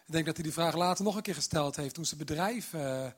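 A man's voice: fairly high pitch, fast talker, slight background noise. A man preaching a sermon to a congregation, telling stories and speaking to them directly. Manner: warm direct address to the congregation, storytelling.

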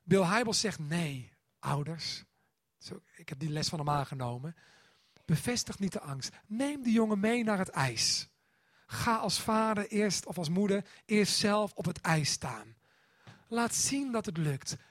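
A man's voice: sits high, a little slow, dry recording, studio quality. A man, preaching a sermon and acting out quotes. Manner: animated, acts out quotes and a child's voice. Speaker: pastor.

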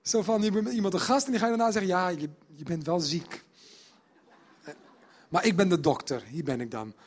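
A male preacher giving a sermon, animated, acting out quoted dialogue between characters. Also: high-pitched, brisk. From Netherlands.

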